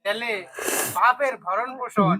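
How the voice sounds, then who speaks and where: A man's voice: very high voice, a little slow, bright, forceful tone, exaggerated voice. A man playing a stern bystander who scolds and lectures a son in an amateur street drama. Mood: scolding. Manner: scolding, preachy, emphatic.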